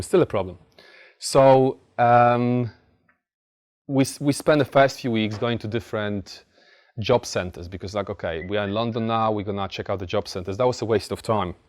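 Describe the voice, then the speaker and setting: A man from Poland with a Polish accent giving a blunt, informal motivational talk, telling stories with emphatic repetition. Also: fairly low pitch. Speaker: motivational speaker. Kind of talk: motivational talk to a live audience.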